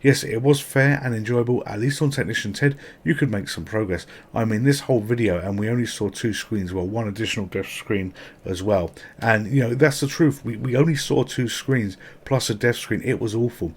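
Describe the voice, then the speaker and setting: A man's voice: on the low side, fairly quick, husky. A man hosting a retro gaming channel, chatting casually and swearing now and then, with a sore mouth. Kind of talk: casual gameplay commentary.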